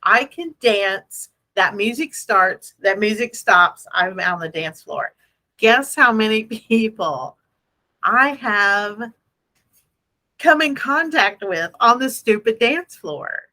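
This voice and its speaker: A woman hosting a casual motivational business chat in an animated, playful, self-deprecating way, repeating phrases for emphasis. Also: medium pitch, takes it slowly. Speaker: host.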